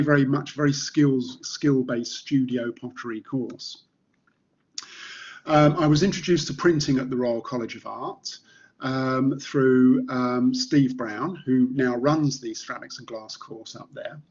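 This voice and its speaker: A middle-aged man from Kent in England with a light Estuary English accent, giving an informal artist talk as a ceramicist in a halting, reflective manner. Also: mid-range voice, breathy edge, lo-fi sound. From Maidstone, Kent, England. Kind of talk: informal slide presentation.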